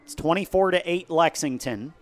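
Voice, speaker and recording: A man doing live football play-by-play, calling each play briskly as it happens. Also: fairly high pitch. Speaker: play-by-play announcer.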